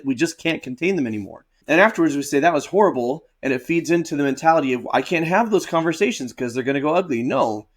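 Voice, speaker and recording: A man giving analytical, explanatory commentary as a therapist, with emphatic phrasing. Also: fairly high pitch.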